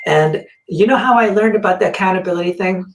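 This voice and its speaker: A podcast host telling a story in a casual chat, acting out the other people's words with lively energy. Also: medium pitch, fast talker. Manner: animated, acts out quoted dialogue. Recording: roomy, distant mic.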